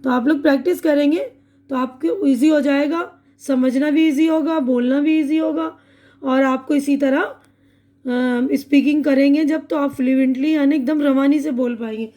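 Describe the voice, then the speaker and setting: Woman, Urdu accent, English teacher, online lesson, high-pitched, patient word-by-word drills. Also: steady tone, moderate pace, dark tone.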